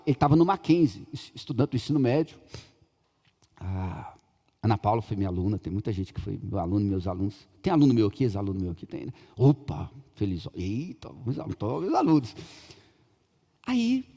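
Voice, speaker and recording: A man's voice: medium pitch, a little mellow. A middle-aged Brazilian man preaching in a large church, joking and acting out dialogue as he tells stories. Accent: Brazilian Portuguese. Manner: humorous, chatty, acts out dialogue. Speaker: pastor. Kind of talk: sermon with storytelling. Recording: reverberant church hall.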